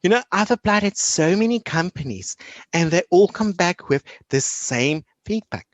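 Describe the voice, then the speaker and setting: A man's voice: sits high, normal speed, no echo. A man, an online English teacher, chatting as an interview guest and acting out classroom exchanges with lots of energy. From South Africa. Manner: energetic, animated storyteller acting out classroom dialogue. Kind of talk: casual interview chat.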